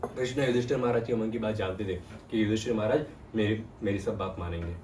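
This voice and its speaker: A man's voice: lowish voice, quick pace, slight background noise. A man giving a devotional discourse, retelling scripture and asking his listeners questions. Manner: animated, asks the audience questions. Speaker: spiritual storyteller. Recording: roomy sound from a distant mic.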